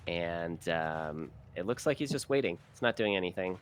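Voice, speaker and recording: A man narrating as game master in a halting way, with many fillers. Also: low-pitched, lively intonation, slight background noise.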